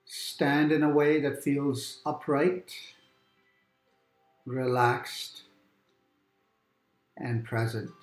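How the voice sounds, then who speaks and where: A man guiding a calm grounding meditation exercise, giving gentle, unhurried instructions with long pauses between phrases. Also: mid-range voice, echoey room, rough recording. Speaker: meditation guide. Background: quiet background music.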